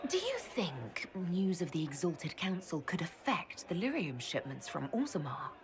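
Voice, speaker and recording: In this video game dialogue, a woman with a lowish voice voices a composed, scholarly female mage leader, speaking in an articulate, polished manner. Her pitch swings widely at a normal pace, and her mood is chatty and informative. Crowd noise can be heard in the background.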